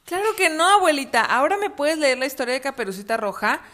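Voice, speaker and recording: A woman's voice: sits high, very animated, unhurried, a bit bright, pitched above the performer's own voice, full character voice. A woman doing a cheeky, brave young boy. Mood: sweet. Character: bold clever young boy hero.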